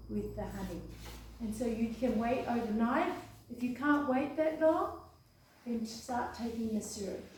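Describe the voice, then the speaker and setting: With a warm voice on the high side, an Australian woman chats through a hands-on health demonstration, frequently tossing in "okay?" and "eh?". Distance from the far room mic makes the room sound echoey, and a little hiss or hum is audible.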